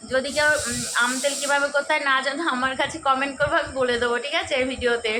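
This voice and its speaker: A young woman with a hoarse voice, chatting casually to viewers in a home vlog and often asking if they follow. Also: high voice, steady tone, fast, background noise. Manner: chatty, keeps asking "okay?". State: hoarse, sore throat. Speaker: vlogger.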